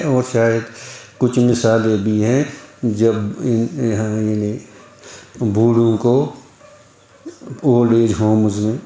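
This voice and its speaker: A man's voice: medium pitch, mellow, roomy sound. A man giving an Islamic lecture in a conversational way, often asking his listeners rhetorical questions and mimicking other people's speech. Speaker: Islamic preacher. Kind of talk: Urdu religious lecture.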